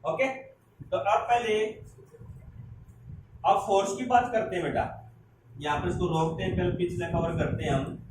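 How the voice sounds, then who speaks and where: Indian teacher lecturing in an echoey room. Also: male voice, high voice, normal speed, pauses often. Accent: Hindi-English mix, Indian. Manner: addresses students as "beta", asks rhetorical check questions. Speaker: physics teacher. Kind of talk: classroom lecture, dictating notes slowly. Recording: distant echoey classroom with noise.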